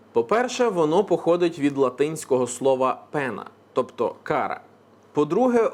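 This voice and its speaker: A man presenting a scripted language explainer, brisk and with playful asides. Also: a little high. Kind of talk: scripted educational narration.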